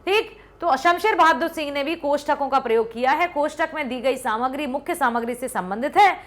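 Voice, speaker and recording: A woman's voice: sits high, brisk. A woman teacher giving an online lesson, explaining step by step and often checking whether the students have understood. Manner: explanatory, asks checking questions. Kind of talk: classroom-style online lesson.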